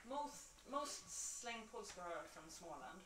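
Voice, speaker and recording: A woman's voice: mid-range voice, sing-song, slow, a bit bright, slight background noise. A young Swedish woman co-hosting a live-streamed music show, chatting casually and greeting viewers by name. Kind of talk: casual bilingual chat with viewers. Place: home veranda during a live stream.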